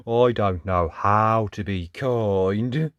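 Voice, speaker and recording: A gentle, glum storybook tin man, put on by a storyteller, who talks very slowly and deliberately. Each word plods along in a dry, close recording. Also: medium pitch, dry recording, highs cut off. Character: kind-hearted but heartless tin man, slow and glum.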